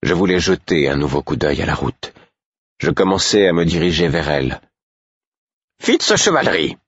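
A man reading a novel aloud as audiobook narrator, in a measured, even voice. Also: a bass voice, breathy edge, no echo, muffled recording. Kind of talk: scripted narration.

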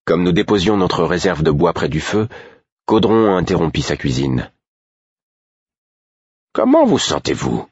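A man reading a novel aloud as audiobook narrator, in a measured, even voice. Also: low-pitched, slightly rough, no echo, highs cut off. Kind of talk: scripted narration.

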